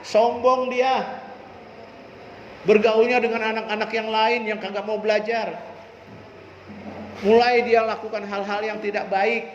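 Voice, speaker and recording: Speaking at a school orientation, a man with a high voice tells motivational stories to students and poses rhetorical questions, keeping a level tone, an unhurried pace and long pauses. The echoey hall makes the sound dull, with faint noise in the background.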